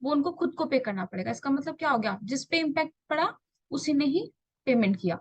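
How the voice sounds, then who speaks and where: A young woman teaching a revision lecture. She poses questions and answers them herself, repeats key terms, and reads definitions slowly, word by word. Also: high voice, expressive, dry recording, muffled recording. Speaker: tax tutor.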